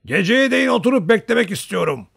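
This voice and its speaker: A man putting on a booming old Cossack hunter. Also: sing-song, fast, gravelly, slightly rough, full character voice. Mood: jovial pleading. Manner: loud hearty shouting. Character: huge bearded old male Cossack hunter, booming and jovial.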